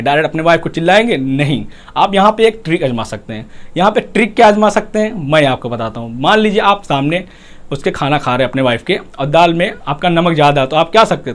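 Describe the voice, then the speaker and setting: A man, a motivational speaker, giving a talk on marriage that he lays out in numbered points with everyday examples, sometimes lifting into emphatic rhyming lines. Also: high voice.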